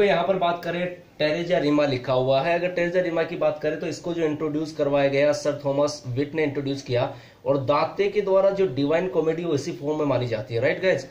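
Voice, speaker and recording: A man teaching an exam prep lesson, mixing Hindi and English, reading definitions very slowly and repeating them, often saying "to be clear guys". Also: on the high side, a little mellow. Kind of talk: explanatory lecture. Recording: echoey room, dull lo-fi sound.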